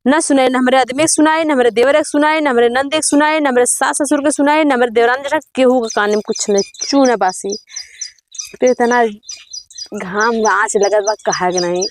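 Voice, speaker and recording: Woman acting high-pitched nagging Awadhi village wife. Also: normal speed, natural voice. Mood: grumbling, aggrieved. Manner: plaintive grumbling and nagging. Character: exasperated, complaining village farm wife. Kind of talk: rural comedy sketch acting.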